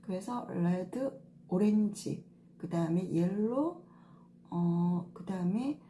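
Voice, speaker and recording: A woman's voice: medium pitch, lively intonation, slow pace, mellow, slight background noise. A middle-aged woman stylist giving a casual lesson on color coordination, patient and step by step with many fillers. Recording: echoey room with faint ambience.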